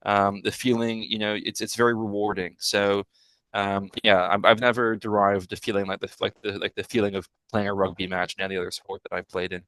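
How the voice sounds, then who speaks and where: A young man from Hong Kong speaks as a guest on a casual podcast, his voice sitting low. He goes on at length and corrects himself mid-sentence as he explains. The sound is dry, with no room around it. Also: level tone, brisk, a bit bright, no room sound, poor audio. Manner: expansive, talks at length with self-corrections. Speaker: guest, rugby player.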